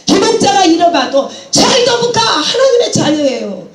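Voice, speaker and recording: High-pitched impassioned woman preaching. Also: very animated, moderate pace, echoey room. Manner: impassioned, laughing and exclaiming while preaching; mixes English phrases into her preaching. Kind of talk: sermon.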